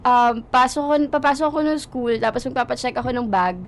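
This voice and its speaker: Young Filipino woman, radio guest, code-switching storyteller, slightly high pitch. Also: fairly quick. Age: young adult. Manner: recounts events, mixing Tagalog and English, quoting others. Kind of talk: casual radio talk show interview.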